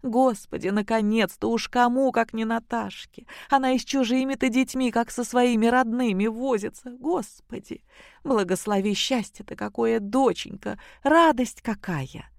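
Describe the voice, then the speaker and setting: A reader doing a shrill older village mother. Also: measured pace, creaky, darkish tone, no room sound, studio quality. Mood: joyful lament. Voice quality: shrill, lamenting.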